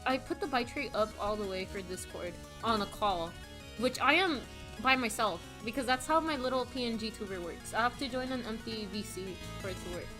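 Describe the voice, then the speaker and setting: Young woman, fairly high voice, casual livestream chat, rambling, slangy, self-deprecating, faint background music. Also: a little fast. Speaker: live streamer. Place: indoors, solo at a computer on a voice call setup.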